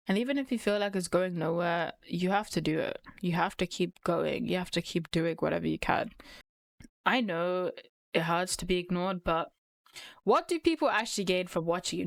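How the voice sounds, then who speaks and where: Woman, gameplay commentary, blunt and frank, playful asides, mid-pitched, dry close sound. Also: no room sound. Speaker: gaming commentary creator.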